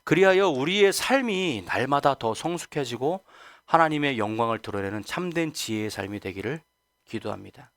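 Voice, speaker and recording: A man's voice: mid-range voice, lively intonation, normal speed, a bit bright, dry recording, clean studio sound. A male pastor preaching a Sunday sermon who asks the congregation rhetorical questions and acts out quoted voices. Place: church sanctuary.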